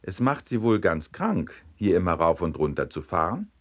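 A man's voice: low-pitched, sing-song, normal speed. A man playing a chatty young lady. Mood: curious. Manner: bright, eager questioning.

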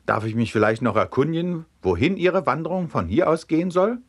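A man's voice: fairly high pitch, animated, a little fast, breathy edge, pitched above the performer's own voice. A man voicing a strict, irritable middle-aged judge who blusters and later mocks with false friendliness. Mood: mocking.

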